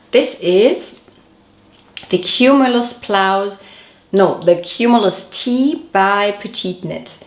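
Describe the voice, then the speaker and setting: In an echoey room, a woman with a gravelly mid-range voice hosts a knitting podcast, offering chatty, detailed show-and-tell with gentle self-corrections. She is recovering from a cold, and her voice sounds a little off.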